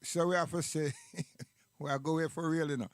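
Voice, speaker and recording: A man's voice: on the high side, fairly even intonation, moderate pace, over loud music. A man with a Caribbean accent chatting casually in Rastafarian speech, emphatic and full of rhetorical questions. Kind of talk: casual chat and commentary.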